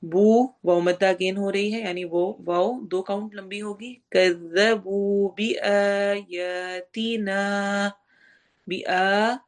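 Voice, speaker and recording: A woman leads a tajweed lesson, pitched in an ordinary middle range. She draws out each verse slowly and carefully. Between recitations she breaks down pronunciation rules one step at a time. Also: steady tone, mellow. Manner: slow, drawn-out recitation between explanations. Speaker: Quran recitation teacher.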